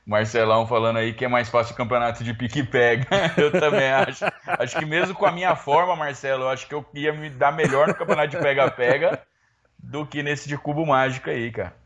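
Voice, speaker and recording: A man's voice: medium pitch, brisk, fairly bright tone. Joking man, muffled lo-fi line. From Brazil. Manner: joking, exclamatory, laughs often. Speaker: co-host of a sports show. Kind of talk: casual live-stream chat.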